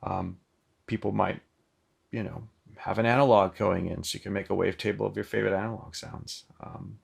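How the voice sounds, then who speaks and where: A man's voice: on the low side, fairly even intonation, a little fast, creaky, husky. A man giving a casual, chatty product demo of a synth, with loose phrasing and lots of filler ums. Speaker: synth demonstrator. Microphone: microphone plugged into the synth.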